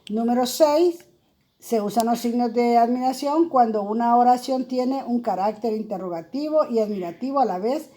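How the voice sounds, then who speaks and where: A woman's voice: fairly high pitch, moderate pace, dark tone. A woman teacher explaining grammar in a recorded lesson, speaking in an explanatory way with many fillers and tag questions.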